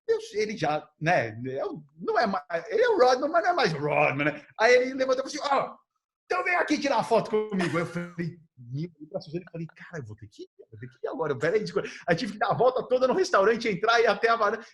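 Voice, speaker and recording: An excitable Brazilian podcast host with a bright, high-pitched voice. He talks casually, laughs often and acts out the lines of the people in his stories. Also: fast talker. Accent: Brazilian Portuguese. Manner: animated, laughing, acts out quotes. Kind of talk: casual storytelling chat.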